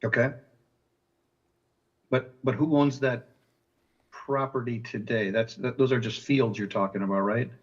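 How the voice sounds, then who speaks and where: A man with a medium-pitched voice asks questions informally as a member at a meeting. The recording is dull and muffled. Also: steady tone, unhurried, pauses often. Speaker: commission member.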